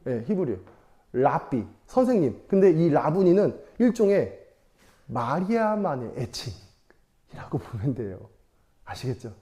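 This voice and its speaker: Young man, casual sermon, lively rising and falling voice, mellow tone, playful and chatty. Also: on the high side, a little slow. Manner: chatty, playful, laughs often; asks the audience questions. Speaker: evangelist preaching to children.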